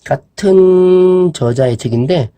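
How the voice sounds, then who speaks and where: A man with a voice that sits high speaks slowly while reviewing an e-reader in a casual product demo vlog. He shows it off in a relaxed, talkative way, thinking aloud with fillers and asides.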